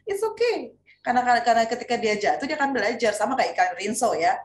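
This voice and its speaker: Fast-talking woman in an echoey room. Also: fairly high pitch. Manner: animated storytelling with many fillers. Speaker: panel speaker, parent. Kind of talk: casual panel discussion. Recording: echoey room, faint ambience.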